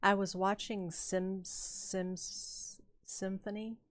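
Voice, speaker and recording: A woman's voice: mid-range voice, flat delivery, extremely slow. An older woman streamer chatting casually and telling a rambling story while she plays a game, laughing often. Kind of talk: casual chat while playing.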